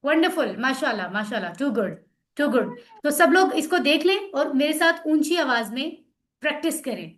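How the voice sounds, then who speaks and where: A woman's voice: high voice, animated, normal speed. A woman teaching an online class, drilling words aloud and explaining patiently over a video call.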